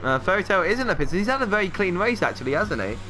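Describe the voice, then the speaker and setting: A man commentating casually on a livestreamed race, chatty and excitable, who can't pronounce his R and TH sounds, saying w for r. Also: very fast, soft background music. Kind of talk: casual live sim-racing commentary with banter. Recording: noisy mic with engine rumble.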